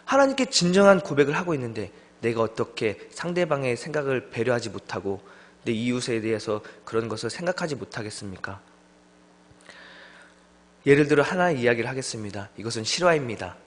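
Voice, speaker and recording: A young man preaching a sermon as a junior pastor, telling stories with lively delivery and acting out the voices of friends. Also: medium pitch, brisk. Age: young adult. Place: church sanctuary. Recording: long church hall reverb.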